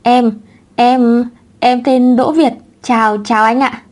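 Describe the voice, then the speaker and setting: A woman's voice: mid-range voice, steady tone, normal speed, a little mellow, natural voice. A woman reading the part of a nervous young man who stammers and fawns.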